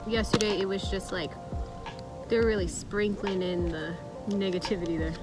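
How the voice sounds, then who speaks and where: A woman's voice: medium pitch, fairly even intonation, moderate pace. A woman co-hosting a vlog, chatting casually in informal, conversational phrasing. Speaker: vlog co-host. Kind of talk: casual couple vlog chat. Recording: background music behind speech.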